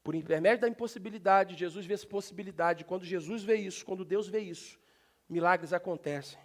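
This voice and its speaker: A man with a Brazilian Portuguese accent preaching a sermon in a church, talking directly to the congregation and breaking into sudden loud shouts. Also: high voice, brisk. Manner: animated, talks directly to the congregation. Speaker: pastor. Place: church sanctuary.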